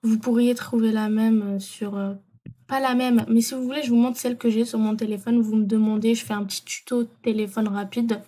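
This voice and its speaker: Woman vlogger, casual tutorial, halting with lots of "euh", slightly high mellow voice. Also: little pitch movement. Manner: hesitant, many fillers and self-corrections.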